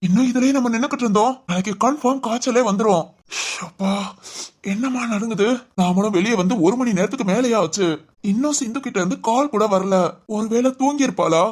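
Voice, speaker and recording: A woman's voice: on the high side, darkish tone, natural voice. A woman playing a caring middle-aged dad. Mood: worried. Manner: fast, soothing, reassuring. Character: caring middle-aged father, gentle and encouraging. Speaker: father in a family drama. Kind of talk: amateur village family drama.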